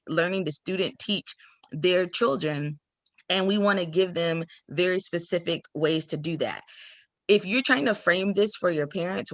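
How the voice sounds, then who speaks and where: A woman's voice: fairly low pitch, fairly bright tone, no room sound. A woman presenting at a teacher workshop over a video call, talking animatedly, laughing often and acting out quoted voices. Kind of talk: casual video-call discussion.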